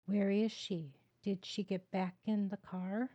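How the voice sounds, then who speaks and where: A woman's voice: mid-range voice, level tone, unhurried, warm tone, dull audio, lightly acted. Little girl pleading, read by a woman. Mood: worried. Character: young girl anxious about her lost cat.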